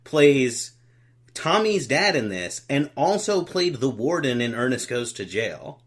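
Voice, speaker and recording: Man, podcast co-host, casual film review chat, jokey tangents, very lively intonation, mid pitch. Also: measured pace, breathy edge. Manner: animated, riffing with jokey tangents.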